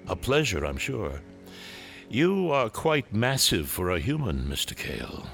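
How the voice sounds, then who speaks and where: A man's voice: on the low side, huge pitch swings, unhurried, creaky, fairly bright tone, faint music behind, full character voice. A man playing a cold, imperious imperial lord in a sci-fi audio drama, formal and condescending in a menacingly polite way. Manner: formal, condescending, coolly sardonic.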